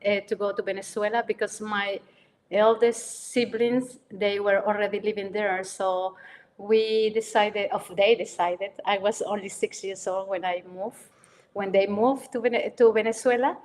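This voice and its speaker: A woman's voice: mid-range voice, steady tone, unhurried, darkish tone, a little hiss or hum. A woman from Colombia, answering interview questions hesitantly, with many uhs and small grammar slips. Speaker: guest photographer.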